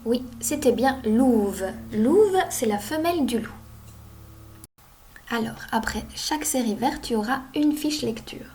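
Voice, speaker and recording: Teacher sounding out words. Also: female voice, a little high, lively intonation, darkish tone, a little hiss or hum. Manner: slow, clearly sounding out each word. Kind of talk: reading lesson for young children.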